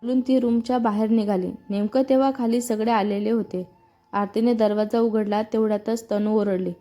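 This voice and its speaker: A woman narrating a romantic storybook tale in a steady, plain reading voice, closing with a sign-off to viewers. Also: a little high, moderate pace, soft background music.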